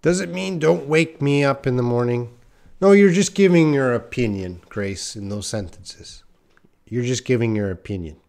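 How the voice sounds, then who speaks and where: Gravelly and darkish at a medium pitch, the voice belongs to an English teacher in his thirties from Western Canada who has a light Canadian accent. In a small indoor room next to a whiteboard, he patiently answers questions from viewers of his live lesson, speaking slowly and pausing a lot.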